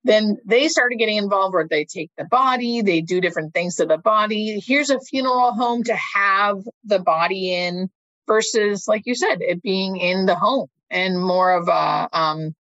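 A woman's voice: mid-range voice, normal speed, a bit bright, no echo, muffled recording. Informal woman interview guest, thinking aloud. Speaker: guest, hospice nurse. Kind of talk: casual interview talk.

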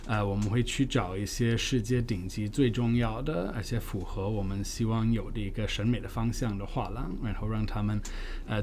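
A foreign man speaking Mandarin as a second language with a Beijing accent, giving articulate, measured explanations as an interview guest. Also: fairly low pitch, darkish tone, slight background noise. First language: not Chinese, a foreigner speaking Mandarin. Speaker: guest, art fair co-director.

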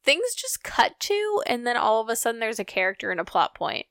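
A woman's voice: fairly high pitch, very animated, fairly quick, a bit bright. A woman in her thirties co-hosting a podcast, chatting casually and rambling with fillers. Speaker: podcast co-host. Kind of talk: casual chat.

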